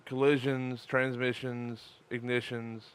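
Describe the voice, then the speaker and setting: A man with a clear, medium-pitched voice and a noticeable lisp. He is tired from lack of sleep and chats casually as a podcast co-host, with crude jokes and plenty of profanity. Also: level tone, slow. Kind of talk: casual live-streamed chat.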